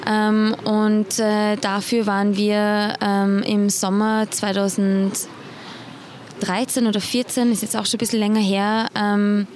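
A woman's voice: medium pitch, level tone, measured pace, a little mellow. A woman from Iran, an investigative journalist answering interview questions with many hesitations and fillers.

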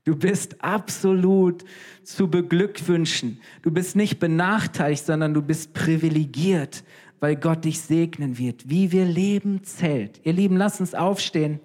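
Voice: mid-range voice, measured pace, a little mellow. A pastor giving a church sermon, speaking straight to the congregation with frequent "hey" and "weißt du" and rhetorical questions. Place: church service before a congregation.

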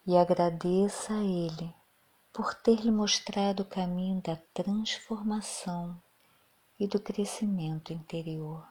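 Woman, guided meditation voice, very slow pace, low-ish pitch, soft and soothing, breathy half-whispers. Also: steady tone.

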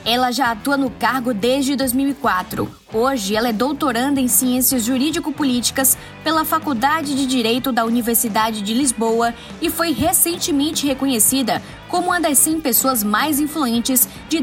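A high-voiced woman hosts a podcast and reads her introduction and questions in a formal, scripted manner. Faint music sits under her voice. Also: moderate pace, hardly any pauses. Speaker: podcast host.

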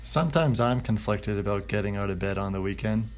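A man co-hosting a podcast, chatting casually with deadpan, wry asides. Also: fairly low pitch, a little fast. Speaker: podcast co-host. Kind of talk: casual chat.

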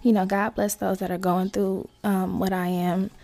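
A woman hosting a casual solo podcast, talking to listeners in slangy, sweary asides with creaky vocal fry. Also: mid-range voice, flat delivery, moderate pace, mellow. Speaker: podcast host.

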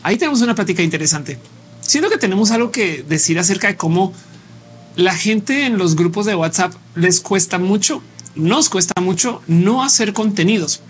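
A man's voice: high-pitched, lively intonation, normal speed, faint music behind. Mexican man musing on a live stream. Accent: Mexican Spanish. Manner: musing, conversational, thinks aloud with restarts. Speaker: live show host. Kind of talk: casual live-stream chat, reading viewer comments.

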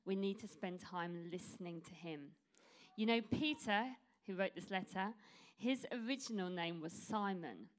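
Female preacher, middle-aged, mid-pitched, chatty informal sermon delivery, says w for r. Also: a little slow. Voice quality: cannot say her R's, says w for r. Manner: chatty, self-deprecating, informal. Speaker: church preacher.

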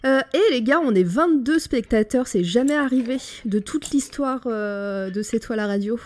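A woman's voice: a little high, animated, moderate pace, a little mellow. Give me a woman hosting casual live chat. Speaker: host of an online radio show.

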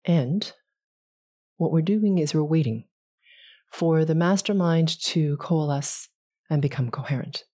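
A soft-spoken woman leading a guided meditation, speaking gently with long pauses. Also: low voice, husky.

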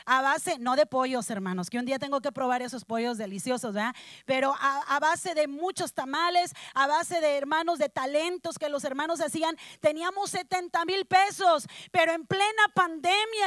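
A high-voiced woman preaches in a dry, close recording. She tells a personal testimony with feeling and keeps turning to the congregation as brothers and sisters. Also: a bit bright, no echo. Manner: addresses congregation as brothers, emotional storytelling. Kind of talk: sermon testimony.

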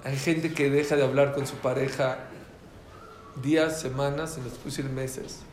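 A man giving an informal, joking talk to a live audience, repeating his key phrases in an animated way. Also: medium pitch, measured pace, reverberant, a little hiss or hum.

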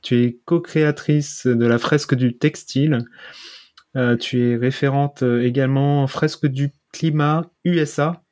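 Guy hosting a podcast, trips over his words a lot, regular pitch. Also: steady tone, measured pace, darkish tone. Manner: stammering, repeats words. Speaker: podcast host. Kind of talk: casual interview hosting.

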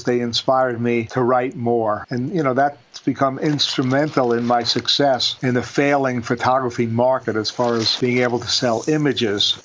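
A man, a guest photographer, telling a relaxed, anecdotal story in conversation. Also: medium pitch, a little hiss or hum. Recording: dull lo-fi audio.

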